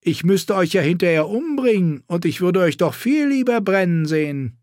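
A man's voice: high voice, sing-song, normal speed, a little mellow, no echo, studio quality, voice pushed up. A man voicing a sneering, crude and arrogant male knight in an audiobook, taunting and contemptuous.

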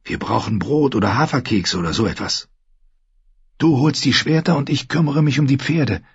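A man's voice: mid-range voice, normal speed, husky, no echo, pitched above the performer's own voice. A man voicing a fierce, determined young girl in a storybook reading. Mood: urgent, determined. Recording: dull lo-fi recording.

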